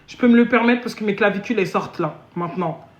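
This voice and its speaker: A woman live streaming a comedic chat, boasting and switching into deliberately broken English. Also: mid-range voice. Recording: dull echoey room audio.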